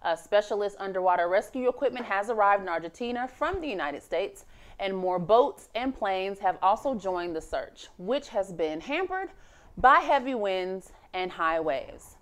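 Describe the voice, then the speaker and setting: A woman's voice: medium pitch, expressive, normal speed. Woman hosting a casual live news show. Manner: reads with many "uh" fillers, laughs easily.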